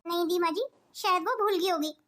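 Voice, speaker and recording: Her very high, fairly bright voice moves at a brisk pace as she plays a sweet, hardworking elder daughter-in-law in a cartoon. The woman's delivery is gentle, polite and soothing.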